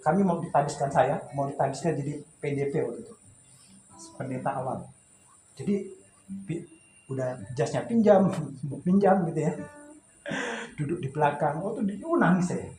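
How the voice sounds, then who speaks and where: A man's voice: on the high side, a little mellow, echoey room, poor audio. A man preaching at a home memorial service, telling his story in a loose, conversational way, often restarting and laughing. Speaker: pastor.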